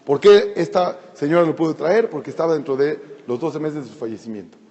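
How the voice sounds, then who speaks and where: A man gives a Torah class, retelling a scripture story in a loose, explanatory way and often restarting his sentences. His voice sits slightly high but sounds mellow. The sound is lo-fi and carries a long reverb. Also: a little fast. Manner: explanatory, conversational, with frequent restarts and repetitions. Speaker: Torah teacher.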